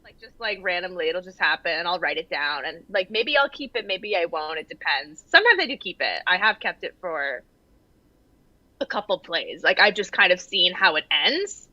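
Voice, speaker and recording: A young woman chatting casually as an interview guest, halting and self-deprecating, talking over a video call. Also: on the low side, expressive, bright, forceful tone, dry recording. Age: young adult. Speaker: guest playwright. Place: small room at home, indoors. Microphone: computer mic on a video call. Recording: slightly dull video-call audio.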